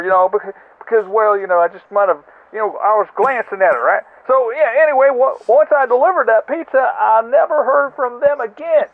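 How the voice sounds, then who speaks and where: A man with a very high voice leaves a rambling voicemail, heard over a landline phone. The sound is thin and tinny, as on an old phone line. He chats loosely, with plenty of "you know" and side remarks. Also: gravelly. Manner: chatty, rambling, full of "you know" and asides. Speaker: caller leaving a voicemail. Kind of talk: rambling comic voicemail story.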